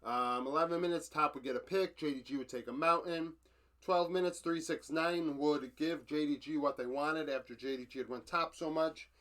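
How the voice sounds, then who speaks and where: A man's voice: a little high, steady tone, normal speed, fairly bright tone. A man giving a casual recap of esports matches from his notes, matter-of-fact, with frequent fillers and self-corrections.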